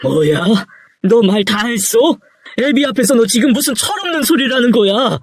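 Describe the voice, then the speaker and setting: A man's voice: fairly high pitch, lively intonation, moderate pace, husky. A man voicing a stern, worried middle-aged father who scolds his son. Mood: scolding. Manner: nagging, scolding.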